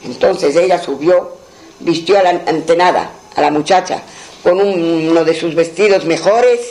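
A man's voice: on the high side, normal speed, a little mellow, low-quality recording. A man telling a folk tale aloud in a plain, repetitive storytelling manner, voicing the characters' lines himself.

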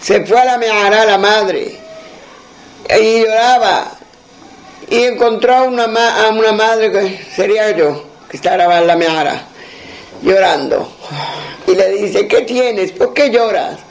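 A man telling a folk tale aloud, in a slow, repetitive, halting way. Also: sits high, vocal fry, low-quality recording. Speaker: storyteller.

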